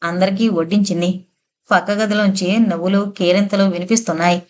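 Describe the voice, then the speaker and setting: Female audiobook narrator, steady and even storytelling, mid-pitched voice. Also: brisk. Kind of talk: scripted audio novel narration.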